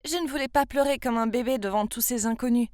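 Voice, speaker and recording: A woman's voice: a little high, fast talker, a little mellow, no echo, clean studio sound. A woman in her twenties from France, narrating her own story in the first person with a confiding, emotional manner. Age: 20s.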